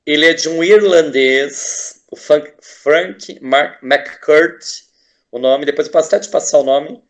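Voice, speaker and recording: A man's voice: a little high, measured pace. A Brazilian man, a teacher and artist, talking as a guest in a casual interview, enthusiastic and rambling with frequent restarts and tag questions.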